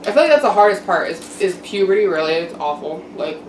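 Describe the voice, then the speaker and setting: A woman's voice: fairly low pitch, sing-song, quick pace. Young woman vlogging, distant and echoey. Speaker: mukbang vlogger. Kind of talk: casual personal monologue to camera. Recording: roomy echo, distant mic, background noise.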